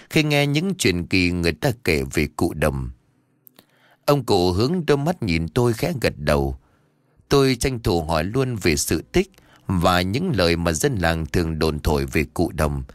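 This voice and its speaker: A man narrating a first-person audiobook story in a lively way. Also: sits low, no room sound, studio quality.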